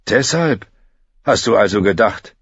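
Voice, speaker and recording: A man reading an audiobook voices a humble young male apprentice who speaks in a hesitant, deferential, halting way, with a husky tone. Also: on the low side, animated, a bit bright, dry recording, lo-fi sound, heavily acted. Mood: wary.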